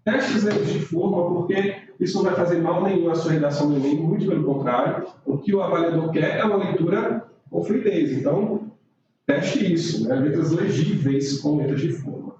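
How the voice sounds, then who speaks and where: A man's voice: a little high, moderate pace. A male teacher explains writing errors step by step, checking in often with "tá?". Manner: explanatory, frequent "tá?" check-ins. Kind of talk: online writing lesson. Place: room, recorded live stream. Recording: roomy, distant, dull mic with noise.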